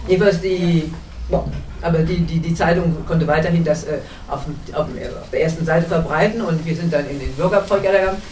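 A woman's voice: low voice, a little fast, darkish tone, a little hiss or hum. Older German woman in an echoey hall. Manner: earnest, searching for words, frequent restarts. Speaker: panel guest. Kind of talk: recounting memories in a panel discussion. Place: cinema hall. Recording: echoey hall, distant mic.

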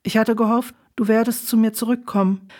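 A woman's voice: a little high, steady tone, fairly quick, a little mellow, natural voice. A woman reading as a hurt, reproachful lover. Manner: insistent, repeated questions.

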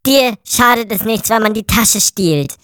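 A woman voicing a hungry, defiant young female thief in an audio story, talking quickly. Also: a little high, lively intonation, fairly bright tone, clean tone, no echo, clean studio sound.

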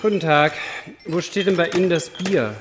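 A man's voice: on the high side, normal speed, noisy background, close to an everyday voice. A man playing a desperate, flustered everyman who stammers while hunting for beer.

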